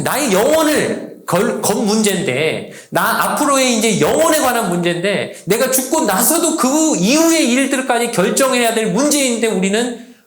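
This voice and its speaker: A man pastor preaching a sermon to a youth service, lively, acting out the voices he quotes. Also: very high voice, reverberant. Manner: animated, acts out quoted voices. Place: church sanctuary.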